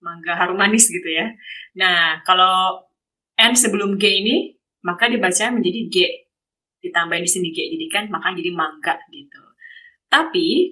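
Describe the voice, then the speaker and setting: A woman's voice: medium pitch, sharp tone, poor audio. A woman from Indonesia, a guest speaker giving a casual online lesson over a video call, explaining step by step with many examples. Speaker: guest speaker teaching Japanese.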